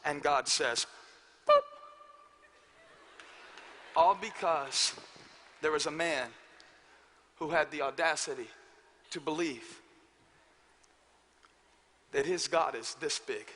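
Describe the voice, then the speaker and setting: A man in his thirties preaches from a large church stage in a high, very bright, cutting voice. He swings from joking asides to full shouts. The voice rings through a reverberant hall over a faint background hum. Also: slow pace, pauses often. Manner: animated, building to shouts, self-deprecating asides. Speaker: pastor. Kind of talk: energetic sermon with personal storytelling.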